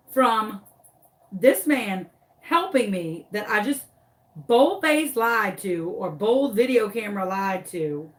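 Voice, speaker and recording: Animated woman telling a story. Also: fairly high pitch. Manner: dramatic, breathless retelling with emphatic repeats. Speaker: craft vlogger.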